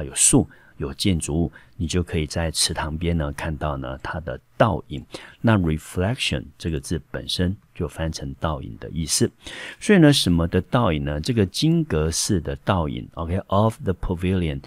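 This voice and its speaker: A male high school English teacher with a Taiwanese Mandarin accent, explaining a textbook passage step by step with frequent fillers. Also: dry recording.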